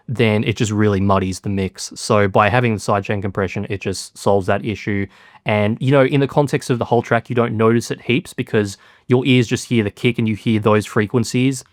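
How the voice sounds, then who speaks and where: A man casually explaining how he produced a track, relaxed and self-deprecating, with lots of fillers. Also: fairly low pitch, no room sound, clean studio sound. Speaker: music producer.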